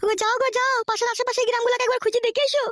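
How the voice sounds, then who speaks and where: A crude village mother in a cartoon scolds and bosses her family around in a high voice, voiced by a woman. She fires off her lines very fast. Her manner is earthy and blunt. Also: flat delivery, fairly bright tone, a little hiss or hum. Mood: scolding. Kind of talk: cartoon voice acting.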